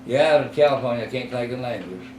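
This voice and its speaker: A Texas man in his eighties, interviewed for an oral history, slowly rambles through his memories with many fillers and self-corrections. His medium-pitched voice has a darkish tone and lively intonation. A roomy, distant mic captures clear background noise.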